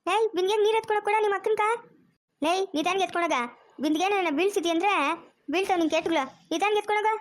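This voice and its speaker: A woman's voice: very high-pitched, fast talker. A woman voicing a harsh, scheming middle-aged village aunt in a cartoon, barking orders. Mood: scolding. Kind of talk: cartoon dubbing.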